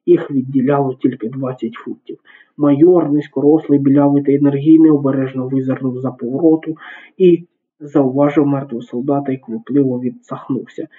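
A man narrating an audiobook in a steady, even reading voice. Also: mid-range voice, fairly quick, husky. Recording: narrow phone-like sound.

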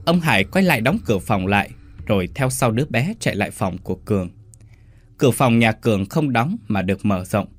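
A man narrating a horror story in a dramatic, expressive way. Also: fairly low pitch, fairly quick, slightly rough.

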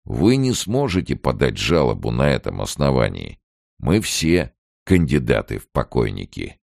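Guy doing a smug dry cop, deep and gravelly. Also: wildly swooping pitch, normal speed, a little mellow, no room sound, heavily acted. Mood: mocking. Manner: dry, mocking. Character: dry gloating male gendarme.

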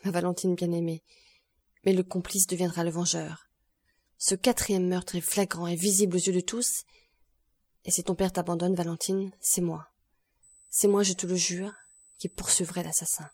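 A woman voicing a passionate, grief-stricken young man who speaks louder and faster. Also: on the low side, little pitch movement. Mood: grieving. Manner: impassioned, louder and quicker.

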